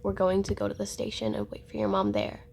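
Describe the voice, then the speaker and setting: Brisk police officer, voiced by a woman. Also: mid-range voice, very animated, vocal fry, darkish tone, husky, exaggerated voice. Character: police officers taking charge.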